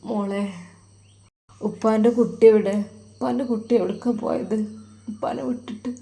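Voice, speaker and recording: A woman's voice: mid-range voice, steady tone, moderate pace, vocal fry, mellow, natural voice. A woman voicing a sick, feverish old male teacher who murmurs weakly and faintly.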